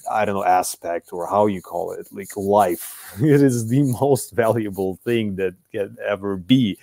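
Deep-voiced young man, dry and close. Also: a little slow, gravelly, mellow, no room sound. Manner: thoughtful, searching for words, laughs easily. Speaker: podcast host. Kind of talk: casual conversation. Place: home room with bookshelf, video call.

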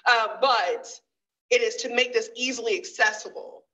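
A woman speaking as a guest lecturer at a conference, lively and conversational with sarcastic asides. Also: fairly high pitch, moderate pace, distant mic, rough recording.

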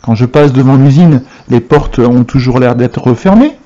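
A man reading aloud and voicing a curious, excited young boy who asks eager, stammering questions. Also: medium pitch, measured pace, dull audio, close to an everyday voice.

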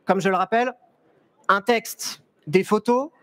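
A young man talks to a fair audience from a stage, his high voice picked up by a headset mic. He is chatty and lively, often restarting his sentences and joking with the crowd. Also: a little slow, dry recording. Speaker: photographer giving a talk. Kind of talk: live stage presentation. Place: stage at a trade fair, large indoor hall.

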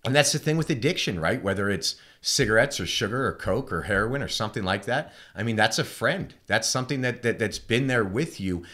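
A man hosting a podcast who speaks in an agreeable, rambling way, with halting restarts and frequent "right?". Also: lowish voice, lively intonation, fairly bright tone. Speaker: podcast host. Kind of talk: casual podcast conversation.

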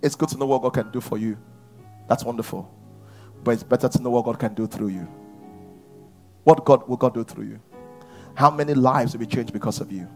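A pastor in his thirties with a Nigerian English accent, preaching a sermon on a large church stage and swinging from shouts to near whispers. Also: medium pitch, a little fast, long pauses, soft background music.

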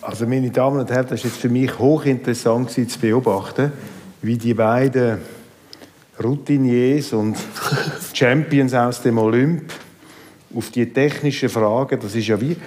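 A man in his fifties with a Swiss German accent, moderating a talk on stage in a large hall with a chatty, lively manner. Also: medium pitch, normal speed. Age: 50s. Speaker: host. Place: large hall with live audience.

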